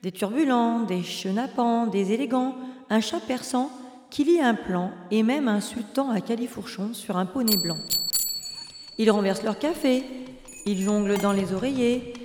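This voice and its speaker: A woman narrating a children's story in the first person, expressive and playful. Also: on the high side, measured pace.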